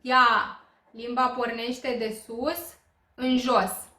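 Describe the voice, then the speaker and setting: A woman from Romania leads a beginners' language lesson, patient and explanatory, often pausing on small fillers. Her voice sits slightly high. The sound carries a noticeable room echo. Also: fairly even intonation, fairly bright tone. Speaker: Korean language teacher. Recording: roomy echo.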